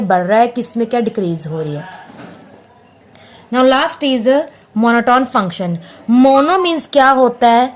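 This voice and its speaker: A woman teaching a maths lesson, patiently explaining graphs, repeating her points and answering her own questions, mixing Hindi with English maths terms. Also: a little high. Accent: Hindi-English mix with English maths terms.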